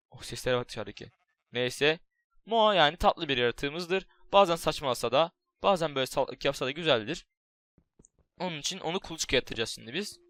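A young man giving casual, jokey game commentary, excitable and swearing, chatting to his in-game pet. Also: mid-range voice, no echo. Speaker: gaming YouTuber. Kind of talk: casual Minecraft let's play commentary.

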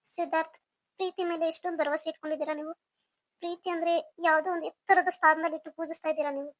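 A woman plays an anxious young woman in a home-made audio drama, talking quickly to herself in a high voice. She sounds earnest as she decides to confess. The sound is dry and close. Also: little pitch movement, dry recording. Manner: earnest inner monologue.

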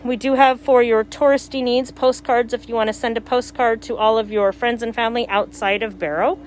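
A woman's voice: a little high, fairly even intonation, a little fast, slight background noise. A woman giving a casual shop tour as a store worker, her voice slightly muffled through a face mask. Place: small cluttered shop, indoors. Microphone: handheld phone.

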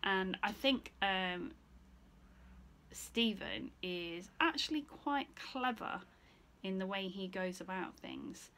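With a mid-range voice that sounds pushed and bright, a woman in her thirties reads a picture book to children slowly and expressively, as a teacher would, asking the listener questions between lines. She sits in an armchair in a small bright room, and there's a little hiss or hum.

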